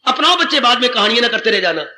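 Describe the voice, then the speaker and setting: A man's voice: extremely high pitch, very animated, racing, bright, forceful tone, a little hiss or hum. An older man giving a devotional sermon on scripture. He repeats phrases for emphasis, recites couplets and calls his listeners children. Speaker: spiritual teacher.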